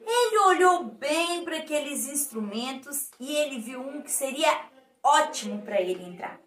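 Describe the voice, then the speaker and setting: A woman with a Brazilian accent, a preschool teacher telling a story to small children, animated and asking them questions. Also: high voice, moderate pace. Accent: Brazilian Portuguese. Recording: echoey room.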